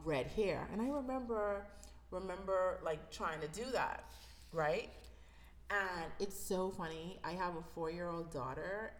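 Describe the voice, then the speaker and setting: A woman in her thirties from the Bahamas, hosting a podcast and telling personal stories in a reflective, conversational way. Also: lowish voice. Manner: reflective, conversational, with fillers and laughs. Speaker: podcast host. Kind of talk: personal storytelling monologue.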